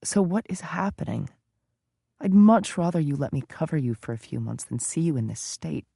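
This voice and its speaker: A man voicing a gentle, patient British husband who speaks quietly and soothingly. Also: on the high side, lively intonation, moderate pace, vocal fry, husky, dry recording, clean studio sound, voice pushed up, exaggerated voice.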